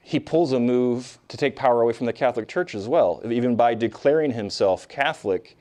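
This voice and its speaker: A middle-aged man gives a classroom lecture on history, conversational and emphatic, with frequent fillers and restarts. His voice is fairly low in pitch and a little mellow.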